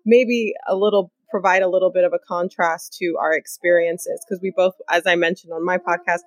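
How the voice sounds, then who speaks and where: A woman's voice: on the low side, fairly even intonation, fairly quick, no echo. A young woman who grew up in New York, chatting in an upbeat way as a podcast guest. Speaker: guest, lawyer. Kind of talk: casual podcast chat.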